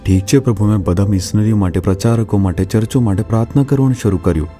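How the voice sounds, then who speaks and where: A man's voice: fairly low pitch, fast, dark tone, faint music behind. A man preaching a sermon and leading the listeners in earnest, pleading prayer.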